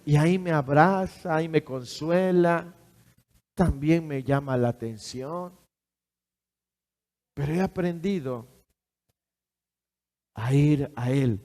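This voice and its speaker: Man, pastor, sermon, slow deliberate delivery, emphatic, rhetorical questions, long hall reverb. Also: fairly high pitch, darkish tone.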